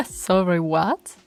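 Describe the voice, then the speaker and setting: A voice actress with a low-ish voice gives a heavily acted performance as a dominant female werewolf pack alpha in an audio roleplay. She's teasing and commanding, often sinking to a whisper.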